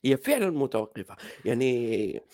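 A man's voice: mid-range voice, big pitch swings, moderate pace, mellow, dry recording. A man with a Moroccan Arabic accent, talking hesitantly in a casual online debate with many fillers and restarts. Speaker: discussion participant.

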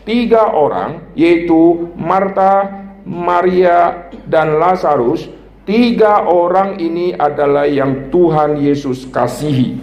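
A male pastor preaching in a lively, animated way, throwing rhetorical questions out to his congregation. His voice sits a little higher than most men's. It rings out through an echoey church hall. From North Sumatra, Indonesia. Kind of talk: sermon.

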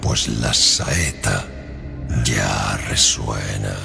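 A man voicing a grim, solemn figure in a video game who is bound to a bronze cornet, speaking in a slow, portentous way. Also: a bass voice, steady tone, gravelly, heavily acted. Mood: ominous. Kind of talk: game voice acting. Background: loud music.

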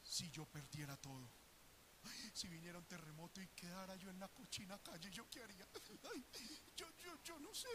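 A man's voice: mid-range voice, flat delivery, moderate pace, few pauses, background noise, voice pushed down, close to an everyday voice. A male preacher voicing a frightened grown man who whimpers and stammers about losing everything. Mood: fearful whimpering. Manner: whiny, tearful, stammering.

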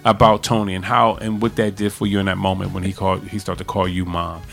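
A man's voice: low-pitched, level tone, fast, creaky, a bit bright, soft background music. Enthusiastic male radio host. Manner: enthusiastic, affirming, laughs easily. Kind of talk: radio interview.

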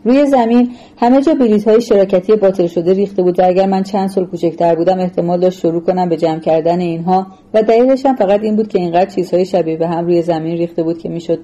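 A woman reading a novel aloud as narrator in a measured, even storytelling manner. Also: on the low side, highs cut off. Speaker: audiobook narrator. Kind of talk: scripted literary narration.

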